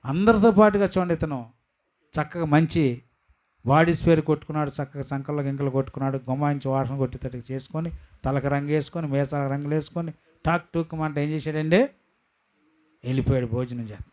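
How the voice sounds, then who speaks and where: A male pastor, preaching a sermon to a church gathering, calling out emphatically to the listeners and swinging between loud and hushed delivery. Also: fairly high pitch, fairly even intonation, quick pace, long pauses.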